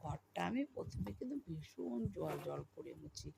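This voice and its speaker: A middle-aged woman with a Bengali accent and a hoarse voice, chatting to her viewers as she talks over her housework. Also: low voice, animated, normal speed, very noisy. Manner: chatty, addresses viewers as friends. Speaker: vlogger. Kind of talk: casual voice-over of household chores.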